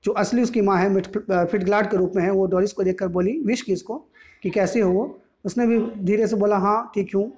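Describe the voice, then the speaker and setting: A man's voice: sits high, steady tone, fairly quick, dark tone. A male teacher explaining a play, retelling and clarifying each line as he goes. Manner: retells each line in mixed Hindi and English, repeating and clarifying.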